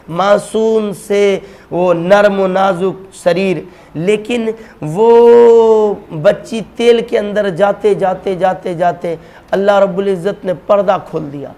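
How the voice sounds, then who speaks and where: A man's voice: sits high, steady tone, darkish tone. A male preacher telling a dramatic story in a sermon, emphatic and speaking straight to his audience. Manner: emphatic, addresses the audience directly.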